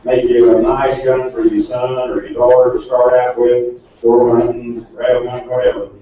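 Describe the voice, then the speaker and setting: A man working as an auctioneer, calling bids in a quick rhythmic chant with folksy asides. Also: medium pitch, completely flat delivery. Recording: distant echoey lo-fi recording with loud crowd.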